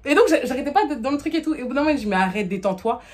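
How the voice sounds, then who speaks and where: Fast chatty twenty-something girl, slangy, kinda high voice, telling a storytime. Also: animated, darkish tone. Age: 20s. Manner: chatty, rapid, full of fillers and acted quotes. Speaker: storytime vlogger. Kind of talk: casual storytelling to camera.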